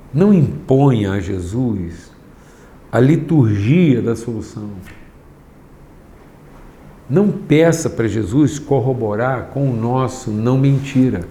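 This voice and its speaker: Gravelly man preaching slowly and emphatically. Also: medium pitch. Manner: slow and emphatic, swings from raised to hushed. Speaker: pastor teaching a class. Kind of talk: sermon. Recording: echoey room, faint background noise.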